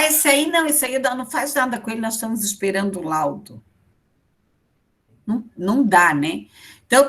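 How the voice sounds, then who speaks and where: A woman's voice: mid-range voice, fairly bright tone. A middle-aged woman with a Brazilian Portuguese accent, giving a casual lecture and checking in with her class after every few phrases. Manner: conversational, with frequent check-in tags to the class. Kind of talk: online lecture.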